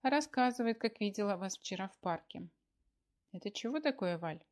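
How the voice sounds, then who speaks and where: A woman's voice: mid-range voice, animated, normal speed, natural voice. A woman voicing a sly, teasing older market woman in a read-aloud story.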